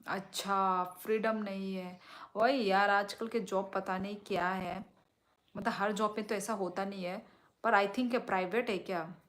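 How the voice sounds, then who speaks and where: Slow-talking young woman chatting on a live stream. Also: steady tone, fairly bright tone. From Tripura, India. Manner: chatty, sways while talking, lowers voice to keep it down. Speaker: live-stream host reading comments. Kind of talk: casual live-stream chat. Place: small room at home at night. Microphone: phone held or propped close.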